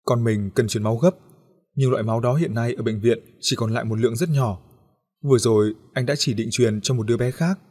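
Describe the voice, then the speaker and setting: A grieving doctor speaks quietly and gravely, as the narrator voices him. The tone is husky and sits at a middle pitch. It comes from a spoken storybook. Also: male voice, fairly even intonation, a little fast, close to an everyday voice. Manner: grave, subdued.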